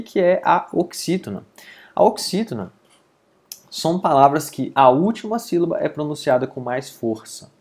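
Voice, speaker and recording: A man's voice: mid-range voice, a little mellow. A man with a Brazilian Portuguese accent teaching an online grammar lesson, explaining patiently and often checking that listeners follow.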